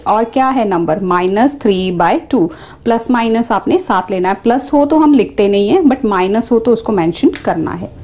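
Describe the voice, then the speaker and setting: A woman's voice: on the high side, dark tone. A woman teaching a maths class, explaining each step and speaking directly to the students. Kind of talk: classroom lesson mixing Hindi and English.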